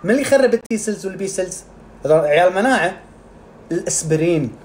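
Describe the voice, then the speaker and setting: Fast-talking man. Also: sits high, slight background noise. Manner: animated, acts out scenes with sound effects. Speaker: integrative medicine specialist. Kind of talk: casual health explainer.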